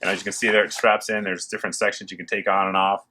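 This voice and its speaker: Deep-voiced enthusiastic man, factory machine noise behind. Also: flat delivery, very fast. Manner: enthusiastic, informal. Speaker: host of a gear review video. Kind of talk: casual product showcase to camera. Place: working gear factory. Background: working machines and clicks.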